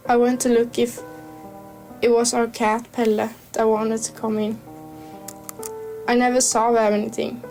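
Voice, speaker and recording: Woman reading a horror tale, high and flat. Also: low-quality recording. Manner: reads carefully, with small stumbles and restarts. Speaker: storyteller. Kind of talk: first-person scripted horror narration.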